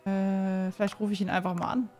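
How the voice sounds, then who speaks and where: A woman doing casual gameplay commentary, excitable and quick to yelp in alarm, who also reads the game's dialogue aloud. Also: mid-range voice, soft background music. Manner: excitable, frequent startled exclamations. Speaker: let's play gamer.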